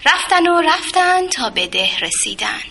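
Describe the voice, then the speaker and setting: A woman narrating a children's story in a gentle, expressive way. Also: high voice. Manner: gentle, expressive, with sound effects.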